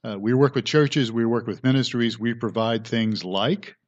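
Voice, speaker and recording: A man's voice: medium pitch, fairly even intonation, moderate pace. An older man co-hosting a podcast in casual chat, with a former radio announcer's voice who often trips over his words. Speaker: podcast co-host. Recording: dull lo-fi audio.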